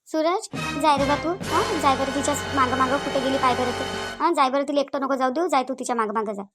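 A woman's voice: high-pitched, fast talker, music in the background. A woman with a Varhadi Marathi accent voicing an anxious older mother who keeps urging her son. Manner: insistent, repeats commands.

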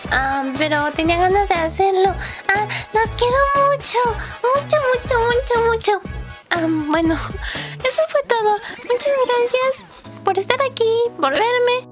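Young woman, squeaky cute voice, slow drawn-out talk, loud music underneath. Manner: exaggerated high cute voice, giggly and bashful. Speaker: fandubber. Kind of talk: cute voice meme. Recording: music playing loudly underneath.

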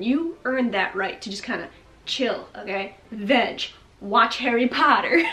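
Chatty high-voiced woman coaching fitness. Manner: energetic, chatty, coaxing with frequent "okay?" and big hand gestures. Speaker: fitness vlogger. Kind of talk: upbeat motivational talk to camera. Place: bright bedroom, indoors.

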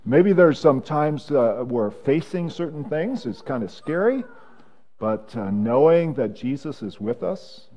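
Lively-voiced pastor with a mellow tone. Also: male voice, medium pitch, lo-fi sound. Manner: gentle, halting with many fillers. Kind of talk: children's message and prayer. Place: church sanctuary.

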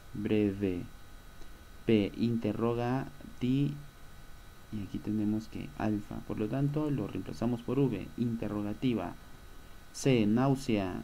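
A man's voice: fairly low pitch, vocal fry, warm tone, a little hiss or hum. A male schoolteacher giving a recorded lesson, patiently explaining and answering his own questions. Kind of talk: recorded online class lesson.

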